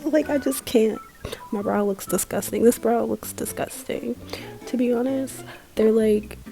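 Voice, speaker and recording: A woman's voice: mid-range voice, creaky, warm tone. A woman giving a casual makeup tutorial in a giggly, tipsy, rambling way, with slangy, sweary, self-mocking talk. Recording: music playing behind the voice.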